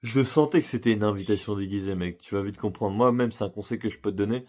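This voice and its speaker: A man's voice: on the low side, fast talker, a little mellow. A man telling a personal story in a casual, slangy way, talking straight to the listener. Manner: slangy, chatty, addresses listener directly. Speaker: vlogger.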